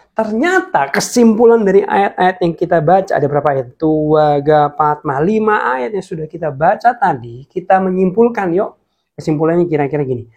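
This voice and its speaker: A man preaching a casual, lively sermon, sometimes dropping to a whisper for emphasis. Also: fairly high pitch, breathy edge. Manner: lively, drops to whispers for emphasis, mixes in English.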